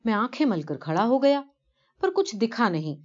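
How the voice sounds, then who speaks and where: A woman's voice: on the high side, big pitch swings, a little mellow. A woman voicing a poor, devout elderly man who earnestly tells of his pilgrimage in a story reading, on a dull lo-fi recording. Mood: humble, earnest.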